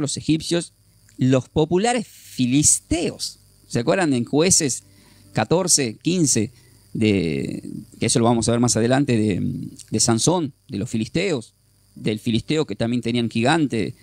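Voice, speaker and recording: A man's voice: mid-range voice, creaky, a little mellow, dry recording. A man teaching a Bible class, explaining step by step and often checking with his listeners. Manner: repeats and restarts while thinking aloud.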